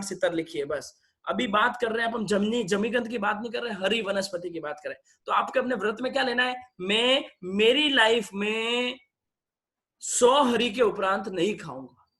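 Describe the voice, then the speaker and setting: A man teaching an interactive online religious lesson over a video call, quizzing participants in a brisk, coaxing way and mixing in English phrases. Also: high-pitched, a bit bright.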